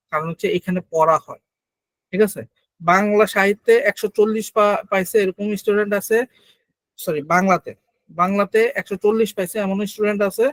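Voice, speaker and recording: A man's voice: high voice, dry recording, low-quality recording. A young man giving an exam-prep lecture, explaining step by step and often checking that listeners follow. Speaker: teacher.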